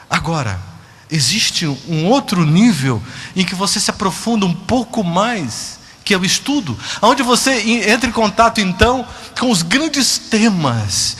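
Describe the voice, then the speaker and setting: A man preaching a sermon, dramatic, moving between hushed and emphatic. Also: high voice, husky, in a large hall.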